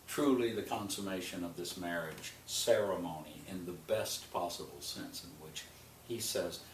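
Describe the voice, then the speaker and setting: Deep-voiced man, expressive opera storyteller. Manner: expressive storytelling, slowing on key images. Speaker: opera general and artistic director. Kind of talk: explaining an opera plot in an interview. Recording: echoey room, distant mic, noisy.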